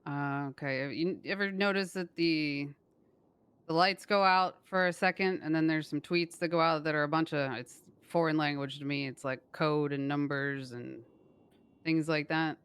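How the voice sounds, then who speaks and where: In improvised role-play for an online crime game, a person playing a gang member explains things in a hesitant, conciliatory way. The voice is medium in pitch, fairly bright, clear and resonant, with fairly even intonation and a normal pace.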